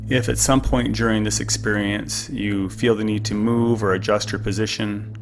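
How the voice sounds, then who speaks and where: A man leading a guided meditation in a calm, soothing, unhurried manner. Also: fairly low pitch, slight background noise. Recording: music playing behind the voice. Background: meditation music.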